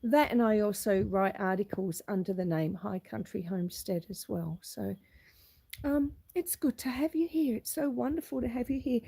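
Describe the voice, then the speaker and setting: Greeting viewers on a homestead live stream, a middle-aged Australian woman chats casually, filming outdoors with her phone camera. Her cold gives her a husky, hoarse sound at medium pitch, with a dark tone and a moderate pace.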